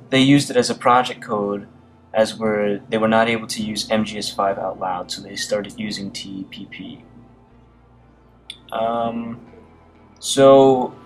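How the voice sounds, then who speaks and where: Hesitant low-voiced man reading gaming news. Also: poor audio. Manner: hesitant, frequent fillers and restarts. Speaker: gaming video commentator. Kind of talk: casual news commentary, reading articles aloud.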